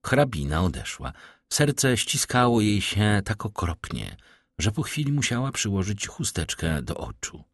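A man narrating a classic novel audiobook with expressive, varied delivery. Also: on the low side, a little slow, no room sound, clean studio sound.

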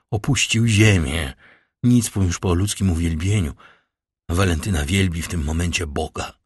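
A man's voice: sits low, slightly rough, dry recording, studio quality. A man voicing a stern, grieving middle-aged father who speaks in cold, formal commands, read in an audiobook.

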